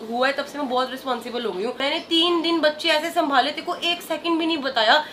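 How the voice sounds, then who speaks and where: A high-pitched young woman argues her case in a casual family vlog, defiant and insistent. Faint noise hums behind her at home. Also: quick pace, fairly bright tone. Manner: argumentative, defiant. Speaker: family vlogger. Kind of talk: scripted family argument skit.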